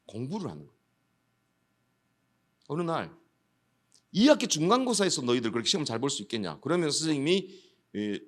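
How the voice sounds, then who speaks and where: Lively storytelling middle-aged man. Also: fairly high pitch. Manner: storytelling, switches into voices of students and police. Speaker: education official giving a talk. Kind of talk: anecdotal lecture with acted dialogue.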